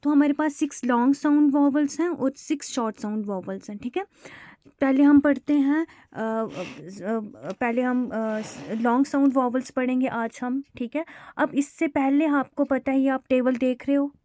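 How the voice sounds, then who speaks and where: Teacher: high-voiced woman, mellow and dry, halting delivery full of fillers, shorthand lesson. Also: dry recording. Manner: halting, many fillers, repeats itself. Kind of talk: online lesson explaining to viewers.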